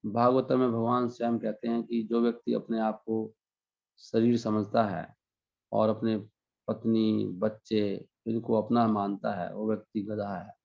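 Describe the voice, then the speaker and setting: A man with a gravelly, fry-laden voice gives a spiritual discourse, explaining scripture and drawing out Sanskrit verses. The recording sounds dull and lo-fi. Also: fairly low pitch, level tone, measured pace. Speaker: spiritual teacher. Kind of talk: devotional discourse.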